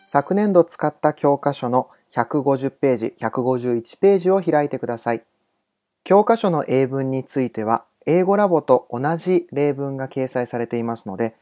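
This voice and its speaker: A man teaching English in a recorded home-study lesson, giving polite instructions and reading example sentences slowly and carefully. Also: medium pitch, mellow.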